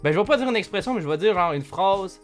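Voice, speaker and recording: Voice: medium pitch, expressive, fast talker. A speaker from Saguenay with a Saguenay Quebec French accent talks in a playful way, laughing often. Faint music plays behind.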